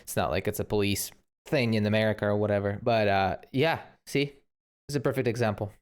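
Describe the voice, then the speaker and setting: Male reactor, lowish voice, loose rambling commentary. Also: steady tone, a little fast, clear, resonant tone. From Ukraine. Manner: rambling, restarts often, thinks aloud. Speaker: reaction video host. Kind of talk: casual commentary.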